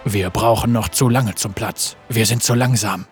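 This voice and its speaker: A man's voice: lowish voice, moderate pace, slightly rough, faint music behind, voice pushed down. Man doing Carbonius, a stern middle-aged commander. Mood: grim. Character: middle-aged male commander, a worried father. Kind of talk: storybook reading.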